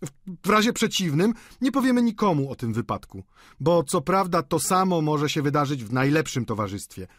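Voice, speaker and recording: A man's voice: a little high, sing-song, brisk, no room sound, studio quality, voice pushed up. A man reading aloud voices a mocking, boisterous young painter with a raised, jeering delivery. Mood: indignant.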